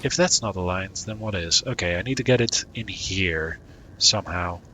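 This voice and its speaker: A man's voice: deep voice, normal speed, bright, forceful tone, a little hiss or hum. A man streaming a puzzle game, thinking aloud in a casual, muttering way as he works through it. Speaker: gaming streamer. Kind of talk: casual let's-play commentary.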